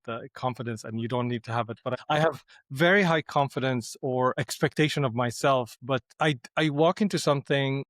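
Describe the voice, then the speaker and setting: A middle-aged Syrian man, appearing as a podcast guest, speaks reflectively and hesitantly, often restarting his sentences. His voice is mid-pitched, recorded in studio quality with no room sound.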